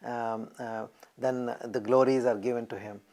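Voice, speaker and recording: A man with an Indian English accent speaks in a documentary interview. He explains things carefully, pausing often on fillers. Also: mid-range voice, fairly even intonation, darkish tone. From New Delhi, India. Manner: measured explanation with frequent fillers. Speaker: temple member.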